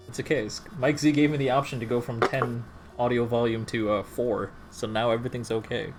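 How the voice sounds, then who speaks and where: A man with a mid-range voice hosts a game stream and chats in a relaxed, teasing way, laughing easily. Faint music plays behind him. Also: medium pitch, brisk. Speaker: stream host. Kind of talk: casual stream chat.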